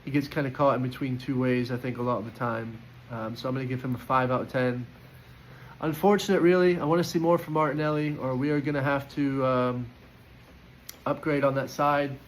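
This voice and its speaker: A man talking through player ratings in a loose, opinionated reaction style. He stops and restarts his sentences often and fills the gaps with ums. His voice sits at an ordinary middle pitch, with a faint hiss under it. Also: steady tone, a little fast, low-quality recording. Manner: chatty, opinionated, lots of fillers and restarts. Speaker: football fan giving player ratings. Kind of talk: casual post-match reaction.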